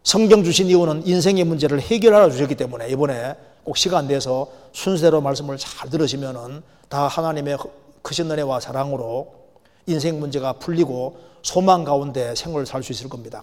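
A man preaching a sermon as a pastor, emphatic, slowing down and getting louder on key phrases. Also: medium pitch. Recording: long hall reverb.

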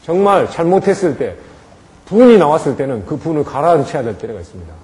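A man's voice: a little high, sing-song, fast talker, darkish tone, rough recording. A middle-aged man lecturing church teachers, plain and direct, acting out firm words to a child. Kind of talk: lecture to Sunday school teachers.

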